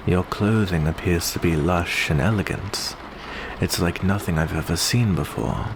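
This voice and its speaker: In a soft, close ASMR roleplay monologue, a low-voiced man plays a courteous, smooth male vampire host with hidden predatory menace, addressing the listener with endearments. His mood is gentle and courteous, his manner unhurried and genteel. Clear, steady background noise runs underneath.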